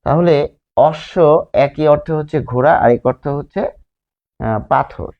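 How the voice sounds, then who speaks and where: A man with a Bangladeshi Bengali accent teaching a grammar lesson at a whiteboard, explaining slowly, repeating words and asking rhetorical questions. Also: fairly high pitch, vocal fry, highs cut off.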